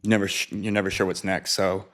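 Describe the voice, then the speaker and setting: A young man with a very low, flat voice talks quickly and casually about his career. He sounds relaxed and easygoing and laughs readily. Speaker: former football player and trainer. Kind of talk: casual interview answers.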